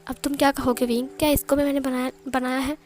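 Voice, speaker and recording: A woman voicing a devoted young man who pleads softly with his beloved in a read-aloud story. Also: high-pitched, flat delivery, quick pace, soft background music, natural voice. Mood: tender.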